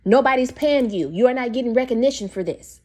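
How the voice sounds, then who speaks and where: A woman's voice: fairly high pitch, animated, a little fast, warm tone. A young woman giving an opinionated, preachy monologue as a video host, talking straight to her viewers. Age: young adult. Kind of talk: casual monologue to camera.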